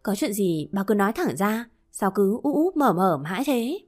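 A woman's voice: mid-range voice, very animated, normal speed, soft background music. A woman voicing a short-tempered middle-aged father who scolds his family. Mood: irritated. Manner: scolding, gruff.

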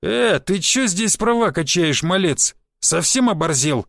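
A man's voice: sits high, expressive, measured pace, creaky, a bit bright, dry recording, studio quality, voice pushed up, full character voice. A man voicing a hotheaded bald mercenary thug who snarls threats in an audiobook. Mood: aggressive.

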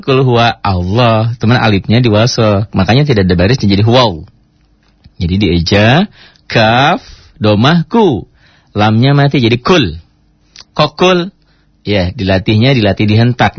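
Husky low-voiced man teaching Quran recitation. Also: no echo, highs cut off. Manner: stops to spell out letters and chant Arabic words slowly as examples. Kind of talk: informal recitation lesson.

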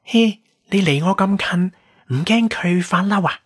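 A woman's voice: mid-range voice, measured pace, husky, no echo, clean studio sound, pitched above the performer's own voice. A man voicing a playful, sly young woman who teases and provokes in a storybook reading. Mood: coy. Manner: teasing, coy.

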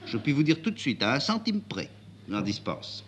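A man voicing a young milliner woman, spirited and proud, with his voice raised high. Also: moderate pace, slight background noise. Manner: pitched up high, lively and indignant.

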